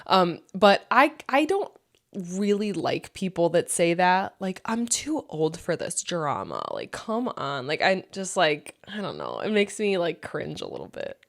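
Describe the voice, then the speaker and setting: A woman's voice: lowish voice, huge pitch swings, a little slow. Chatty woman in her thirties. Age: 30s. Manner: chatty, lots of "like" and quoted asides. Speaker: podcast co-host. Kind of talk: casual chat.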